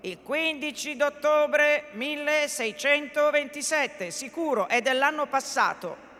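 A woman's voice: fairly high pitch, lively intonation, a bit bright. A woman voicing a pompous, fussy old male lawyer in a theatrical reading of a novel, bustling and self-important. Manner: bustling, self-important, mutters quickly through legal text. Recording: echoey hall.

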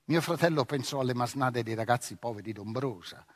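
A man narrating a novel in an expressive storytelling manner, close to the mic. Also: mid-range voice, a little fast, no room sound. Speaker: audiobook reader. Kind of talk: scripted literary narration.

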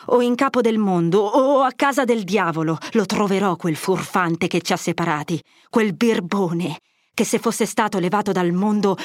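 A woman's voice: mid-range voice, no room sound, natural voice. Woman playing young man, desperate, vengeful, heated, dry close reading. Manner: impassioned, vengeful outbursts. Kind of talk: audiobook character voice.

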